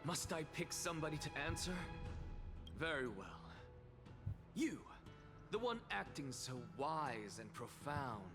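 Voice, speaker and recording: Haughty scholar for a game: pompous villain-like taunts, theatrical, unhurried, with music behind. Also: male voice, fairly high pitch, sing-song. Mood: grand challenge. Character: haughty theatrical male scholar lecturing an assembly. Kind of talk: video game dramatic acting. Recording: long hall reverb, loud music behind.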